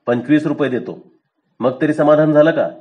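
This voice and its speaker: A man's voice: fairly high pitch, moderate pace, highs cut off, close to an everyday voice. A man voicing an impatient, irritated middle-class man trying to settle a roadside dispute. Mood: exasperated. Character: exasperated middle-class scooter rider, adult man.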